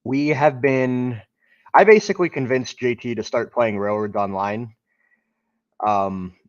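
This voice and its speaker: A man hosting a casual game stream, chatting in a halting, friendly way with lots of fillers. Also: medium pitch, clear, resonant tone, no room sound, muffled recording. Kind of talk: casual gameplay chat.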